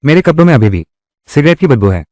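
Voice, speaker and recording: A man's voice: on the high side, big pitch swings, fast talker, warm tone, dry recording, clean studio sound. A man dubbing an earnest young husband, a reformed gambler who protects his wife. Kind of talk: Hindi dub of a drama.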